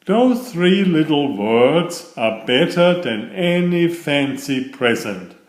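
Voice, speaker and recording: A man's voice: fairly high pitch, big pitch swings, slow pace, pitched above the performer's own voice. A man voicing a loving, grateful mother turtle from a children's storybook, with a roomy echo. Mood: tender, grateful.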